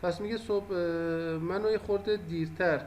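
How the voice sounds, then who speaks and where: A man's voice: sits high, fairly even intonation, darkish tone, slight background noise. A man teaching a language lesson, patiently repeating and explaining each phrase.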